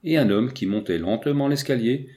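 A man narrating a first-person story as an audiobook reader, measured with lively emphasis. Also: mid-range voice.

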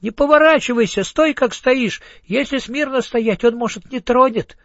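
A man doing shrill, fussy tiny goosebump creatures. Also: moderate pace, a bit bright, no room sound. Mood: alarmed shouting. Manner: shrill, alarmed, bossy. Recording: slightly muffled audiobook.

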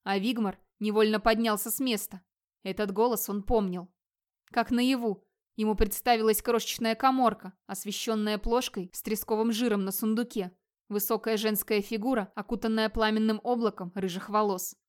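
A woman narrating an audiobook in an even, measured storytelling manner. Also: mid-range voice. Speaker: audiobook reader. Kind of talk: scripted narration.

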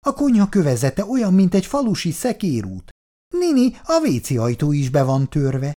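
A man voicing a calm, firm older housing committee official who speaks with steady authority, in an audiobook reading. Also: a little high, pitched above the performer's own voice.

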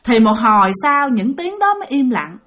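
A woman's voice: on the high side, very animated, normal speed, a bit bright. Chatty Southern Vietnamese woman telling a ghost story. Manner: chatty, addresses listeners directly.

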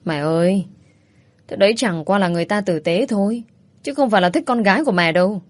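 A woman's voice: medium pitch, brisk, dry recording, natural voice. A woman voicing a blunt, teasing young woman. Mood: pleading.

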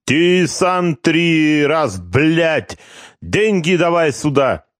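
A man doing a cocky Georgian card sharp. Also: on the high side, very animated, very slow, no room sound, clean studio sound, pitched above the performer's own voice, full character voice. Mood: cocky needling. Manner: broken grammar, proud, needling.

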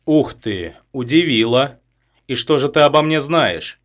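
A man's voice: medium pitch, expressive, unhurried, a bit bright, voice pushed up. A man voicing a mocking, threatening male killer who was a boxer. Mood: mocking, menacing.

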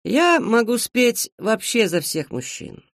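A cocky comedian brags about his talents, as a man puts him on while reading a story. He talks slowly and stretches each boast in a raised voice. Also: sits high, big pitch swings, fairly bright tone, no room sound, clean studio sound, voice pushed up, exaggerated voice. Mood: boastful.

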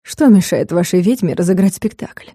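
A woman's voice: expressive, moderate pace, warm tone, breathy edge, no echo, clean studio sound. A woman voicing a scheming, pompous male lord of hell in a storybook reading. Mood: smug. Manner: mocking, turns shrill and panicky.

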